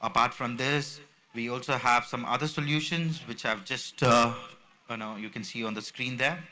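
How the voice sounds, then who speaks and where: Bright-voiced man giving a podium speech. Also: mid-range voice, fairly even intonation, moderate pace. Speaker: company representative presenting products. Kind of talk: podium speech, slide presentation. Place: symposium venue, speaking at a podium. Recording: background noise from a live event room.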